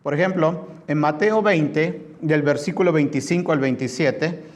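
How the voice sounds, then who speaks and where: A middle-aged pastor from Mexico delivers a sermon in a fairly high-pitched voice. He poses questions to his listeners and drives points home through repetition. He slows down when reading scripture. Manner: preaching with rhetorical questions and emphatic repetition.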